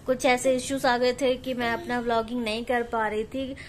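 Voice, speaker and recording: A young woman filming a casual home vlog, chatting to viewers and cooing softly to her baby. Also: fairly high pitch, level tone, moderate pace, a little hiss or hum. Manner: coos and baby-talks softly to her child. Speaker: vlogger. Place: home indoors.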